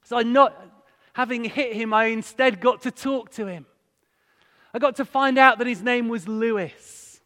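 A high-voiced man with a northern English accent speaks to a congregation in a big, reverberant hall. He delivers a sermon-style talk at an unhurried pace, moving between storytelling and conversational rhetorical questions. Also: bright, forceful tone. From Hull, England. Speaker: guest speaker at a church. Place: large church hall, live talk to a congregation. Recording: echoey hall with long reverb.

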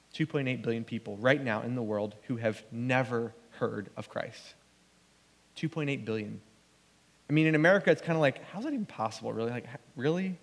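A man preaching a sermon as pastor, earnest and conversational, often restarting his phrases. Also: medium pitch. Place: church sanctuary. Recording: long church hall reverb.

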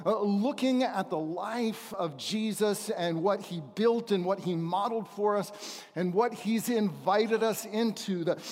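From the stage of a large church auditorium, a middle-aged visiting preacher who trains missionaries shares his testimony with the congregation. He has a high voice with a darkish tone and talks haltingly and conversationally, pausing for emphasis, while the hall echoes around him.

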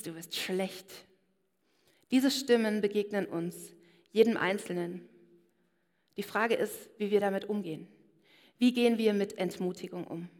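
A woman giving a personal sermon and speaking straight to her listeners. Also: mid-range voice. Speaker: preacher. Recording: long hall reverb.

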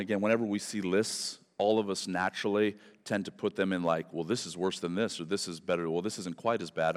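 A male pastor preaching a sermon at a pulpit microphone in a church, emphatic and building to fervent repetition. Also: low-pitched. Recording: long hall reverb from a church.

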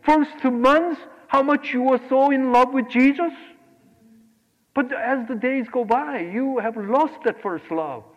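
A man from Korea preaching a sermon, animated, swinging between loud exclamations and quiet asides. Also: very high-pitched, a little slow, big-room sound, lo-fi sound. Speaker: pastor.

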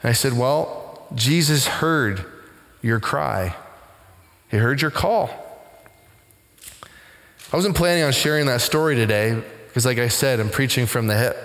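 A middle-aged man, a pastor, telling a story in a conversational sermon and growing animated as he recounts it. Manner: conversational, animated when retelling, rising pitch in excitement. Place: church sanctuary. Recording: long hall reverb in a church.

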